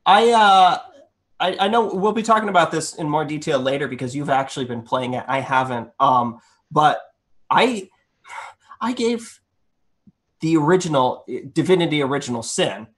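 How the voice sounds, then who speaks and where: Joking co-host man, fairly high voice. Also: moderate pace, fairly bright tone. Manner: joking, laughs often, rambling asides. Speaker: podcast co-host. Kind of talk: casual gaming podcast chat.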